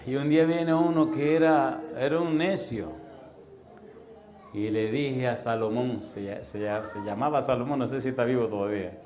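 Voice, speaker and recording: A middle-aged man preaching a sermon in a church, telling comic stories with sudden loud bursts and sound effects and putting questions straight to the congregation. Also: mid-range voice, moderate pace. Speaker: pastor. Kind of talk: sermon with comic personal anecdotes.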